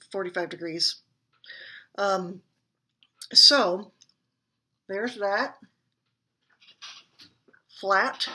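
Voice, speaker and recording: A woman's voice: a little high, pushed and bright, slightly rough. A woman teaching beginner clarinet, explaining and demonstrating in a friendly, chatty way and laughing at her own slips. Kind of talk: instructional demonstration.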